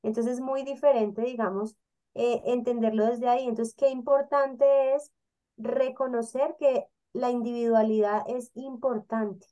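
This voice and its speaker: Woman, co-host, casual panel chat, lively, acts out quotes, a bit high-pitched. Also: measured pace, muffled recording. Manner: animated, acts out quoted voices.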